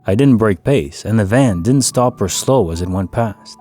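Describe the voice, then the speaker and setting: A man narrating a first-person paranormal story in a measured, calm way. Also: on the low side, faint music behind.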